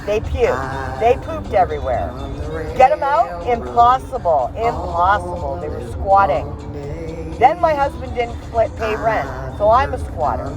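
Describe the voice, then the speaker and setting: Middle-aged woman ranting angrily, animated pitch. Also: a little slow, low-quality recording. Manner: venting, exasperated, ranting. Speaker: vlogger. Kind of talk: angry ranting vlog while driving. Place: inside a moving car. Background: background music playing.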